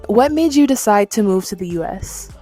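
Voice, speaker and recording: A woman's voice: medium pitch, animated, moderate pace, mellow, soft background music. A woman interviewing a guest casually, often finishing the guest's sentences for her.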